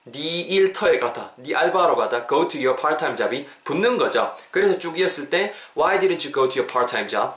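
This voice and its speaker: A man runs a casual English lesson, switching between quick explanation and slowly drawn-out English sentences. His voice sits fairly high and he acts out little scenes with playful exclamations. The recording carries a noticeable room echo. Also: fairly bright tone. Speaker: English teacher and podcast host. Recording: echoey room.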